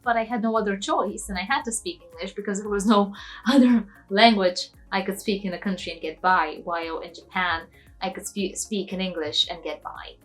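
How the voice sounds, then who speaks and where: A woman's voice: mid-range voice, moderate pace, faint music behind, poor audio. A young woman from Eastern Europe giving an opinionated, passionate vlog rant about studying abroad. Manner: passionate, emphatic, preachy.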